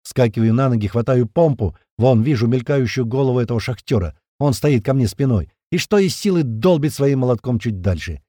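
A man narrating a first-person audiobook in a colloquial, rough-spoken, vivid way. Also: mid-range voice, animated, a little fast, hardly any pauses, warm tone, dry recording, clean studio sound.

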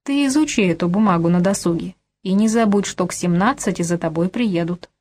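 A woman voicing a brisk middle-aged man, a scheming financier who lectures crisply and commands. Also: lowish voice, darkish tone, close to an everyday voice. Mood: lecturing. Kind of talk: audiobook character voice.

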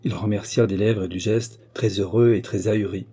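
Male audiobook narrator, measured; dark, husky timbre. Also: lowish voice. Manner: measured, even reading of a classic novel.

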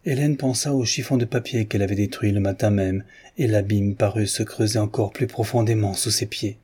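Male audiobook narrator, steady and measured, husky low voice. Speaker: audiobook reader.

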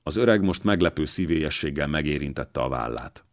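Deep-voiced male audiobook narrator. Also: lively intonation. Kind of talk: scripted narration.

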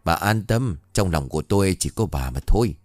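A lecherous old village chief, cowed by his wife and sweet-talking his way out of trouble, as a male narrator puts him on. The voice is low and lively in pitch, with a dry, close sound. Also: fairly quick, no room sound. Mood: wheedling. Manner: wheedling, flattering.

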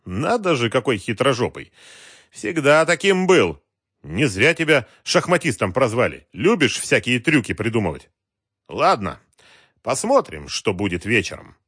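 A man voicing a furious, abusive crime boss who shouts threats. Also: mid-range voice, big pitch swings, measured pace, slightly rough, no echo, studio quality, pitched above the performer's own voice, heavily acted. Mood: scornful.

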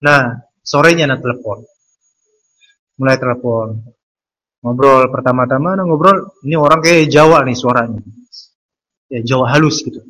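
A man's voice: mid-range voice, moderate pace, long pauses, fairly bright tone, rough recording. A man with an Indonesian accent, an Islamic preacher, telling an anecdote in a casual, chatty way during a religious lecture, sprinkled with Arabic religious phrases.

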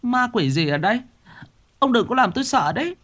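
A man doing a shrill flustered village wife. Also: moderate pace.

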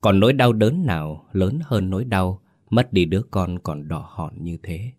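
A man hosting a channel and narrating a ghost story at a steady, measured storytelling pace. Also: low-pitched, dry recording, studio quality. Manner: steady, measured storytelling with a polite host's greeting.

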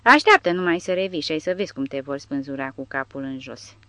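A woman's voice: low-pitched, bright, forceful tone, dry recording. A woman voicing a mocking male soldier who scolds with sarcasm in an audiobook. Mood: scornful.

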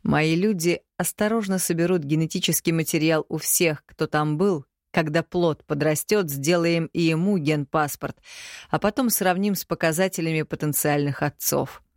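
A woman voicing a stern, domineering rich middle-aged father in an audiobook, with slow commanding lines. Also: low-pitched, darkish tone, no room sound, studio quality.

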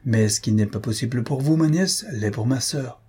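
A man's voice: mid-range voice, moderate pace, mellow, husky. A man reading an audiobook, voicing a stern, practical middle-aged aunt who lectures bluntly, raised well above his own voice. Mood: insistent. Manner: lecturing, firm and cutting.

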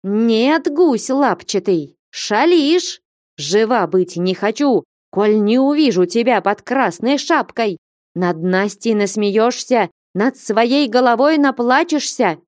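A bold young woman from a storybook speaks in a high, ringing, animated voice, mocking and pressing hard, as a woman reader puts her on. She scolds with quick jabs. The sound is close and dry. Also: no room sound. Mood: scolding. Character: sharp-tongued young woman, bold and impatient.

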